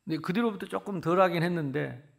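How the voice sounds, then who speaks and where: A man in his sixties from the Jeolla region of South Korea, preaching a sermon as pastor with animated storytelling that swings from loud to hushed. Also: high-pitched, fast talker, creaky. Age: 60s.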